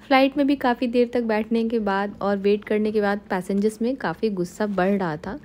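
A woman's voice: mid-range voice, fairly even intonation, a little fast, darkish tone. A young woman narrating her travel vlog in a chatty voice-over, often slipping English phrases into her talk. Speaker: travel vlogger.

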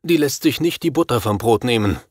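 A man's voice: medium pitch, animated, brisk, no room sound, studio quality, lightly acted. A man reading an audiobook, voicing a desperate, anxious father who fears for his son. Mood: worried. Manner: anxious, agitated. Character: worried middle-aged father, desperate, pleading.

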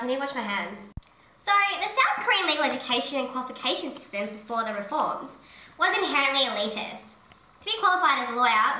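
A woman's voice: high voice, bright, forceful tone, far from the mic. A young woman explaining a study topic in a casual vlog while baking, talking in short phrases as she works. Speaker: vlogger presenting a study topic. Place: home kitchen. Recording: echoey room, voice from off-mic.

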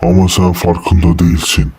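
A man playing an anonymous caller who threatens murder, his voice run through a robotic voice changer, speaking in a cold, calm, menacing way. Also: low voice, normal speed, a little hiss or hum. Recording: music playing behind the voice.

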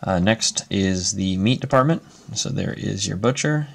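A man with a low, gravelly voice talks through a casual show-and-tell from behind the camera. He speaks in a relaxed way, filling pauses with "uh" as he lists things one by one. He sounds like he is at a table indoors. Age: adult parent. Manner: relaxed, many "uh" fillers, listing items. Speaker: Lego builder showing his model.

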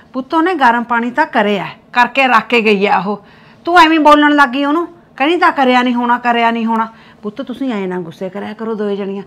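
A woman's voice: on the high side, fairly bright tone, close to an everyday voice. An actress playing an older mother-in-law with a cough, scolding her daughters-in-law and pleading for peace. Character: older woman, fussing mother-in-law of two bickering daughters-in-law. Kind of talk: amateur village short-film acting.

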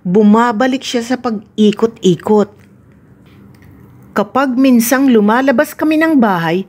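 A woman reading a children's picture book aloud in a gentle, expressive storytelling voice. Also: fairly high pitch, breathy edge. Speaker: storybook reader.

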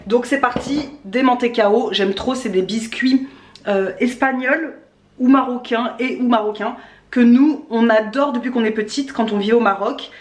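A woman's voice: on the high side, normal speed. Chatty woman in an echoey kitchen. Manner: chatty, explains as she cooks. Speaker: cooking vlogger. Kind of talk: casual cooking vlog. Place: home kitchen, indoors. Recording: echoey kitchen, music behind.

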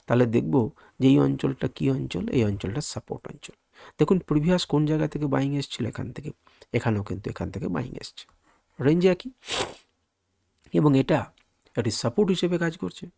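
A man's voice: medium pitch, gravelly, mellow, slightly rough, no echo, studio quality. A man giving a lesson on market charts, asking questions and answering them himself as he walks through each point. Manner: explanatory, asks and answers his own questions. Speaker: stock market analyst.

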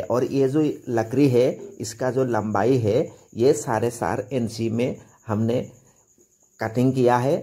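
A young man with a mid-range, dark-toned voice narrates an informal carpentry how-to on his own channel, demonstrating and explaining each step with some repetition.

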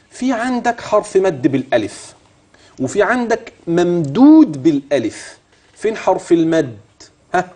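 Speaking with an Egyptian Arabic accent, this middle-aged TV tajweed teacher tests the viewer with questions and models recitation in a slow chant. He has a mid-range voice with a darkish, slightly rough quality.

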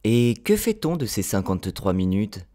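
A man voicing a gentle, wondering little boy prince in an audiobook, speaking earnestly and tenderly. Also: lowish voice, big pitch swings, normal speed. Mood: curious.

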